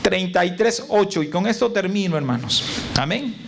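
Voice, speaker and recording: A man's voice: high-pitched, lively intonation, moderate pace, gravelly. A male pastor preaching a sermon in a church, often turning to the congregation with questions and reciting lists of word meanings. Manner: preaching with call and response to the congregation. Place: church sanctuary. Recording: noisy church recording.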